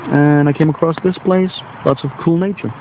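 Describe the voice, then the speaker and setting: A Danish teacher and video blogger with a Danish accent and a slight cold talks fairly quickly in a fairly high, steady voice. Sitting outdoors on a wet bench in nature, he rambles casually and self-deprecatingly while searching for English words. The sound is phone-quality with a noisy background.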